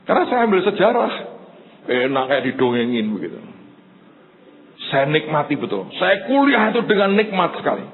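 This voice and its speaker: A male pastor, preaching in an animated storytelling way, acting out the people in his stories and often turning to the congregation. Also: sits high, moderate pace, long pauses. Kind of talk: sermon storytelling. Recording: tinny phone-like sound with faint noise.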